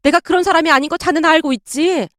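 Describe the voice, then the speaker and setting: A woman's voice: very high-pitched, fast, fairly bright tone, dry recording, studio quality. A woman voicing an elderly widowed grandmother who speaks with indignant, old-fashioned phrasing. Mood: aggrieved.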